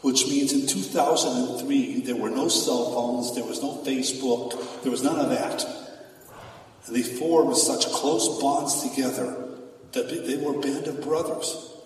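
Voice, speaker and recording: A man's voice: mid-range voice, unhurried, a little hiss or hum. Man preaching in an echoey hall. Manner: builds from calm to loud, emphatic preaching. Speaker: rabbi. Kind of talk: sermon. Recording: echoey hall, far from the mic.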